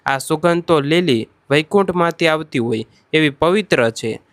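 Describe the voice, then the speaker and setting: A man's voice: fairly high pitch, expressive, normal speed, a bit bright, dry recording. A man narrating a devotional story, addressing listeners as devotees with emotive delivery.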